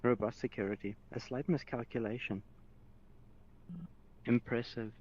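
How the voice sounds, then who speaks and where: A cool, detached android speaks in a smooth, clinical tone, too even to sound human, as a man puts him on in a tabletop roleplay. His voice sits in a middling pitch range. The recording is dull and slightly lo-fi. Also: a little slow, close to an everyday voice. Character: calm, detached android, male.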